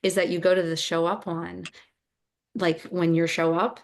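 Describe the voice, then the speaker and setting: A woman chatting casually on a video call, talkative and quick with asides. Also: on the low side, little pitch movement. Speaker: art group participant.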